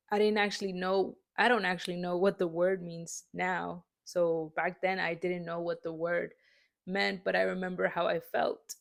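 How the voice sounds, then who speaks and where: A woman's voice: lowish voice, vocal fry. A woman speaking openly in a personal faith talk, rambling and confessional, often checking in with "right?". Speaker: faith vlogger.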